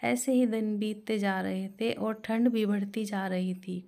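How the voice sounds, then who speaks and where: A woman narrating a moral story in a plain, steady reading voice. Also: mid-range voice, a little slow, creaky.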